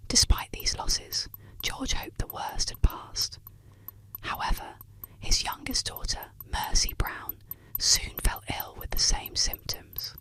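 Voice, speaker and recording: A woman narrating eerie tales as ASMR, in a soft unvoiced whisper close to the ear. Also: slow pace. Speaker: ASMR storyteller. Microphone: close ASMR microphone.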